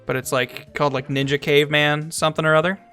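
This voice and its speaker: A man streaming a strategy game, chatting casually, thinking aloud, talking to his chat, and sometimes reading game text aloud slowly. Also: a little high, level tone, sharp tone, smooth, faint music behind. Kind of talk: casual gameplay commentary.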